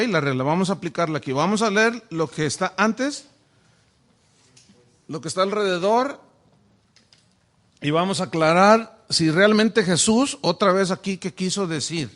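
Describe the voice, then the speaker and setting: A pastor teaches Bible study in a church classroom with a whiteboard, giving a sermon-style lesson and frequently throwing rhetorical questions at his listeners. His voice is high and a bit bright, at a measured pace with long pauses.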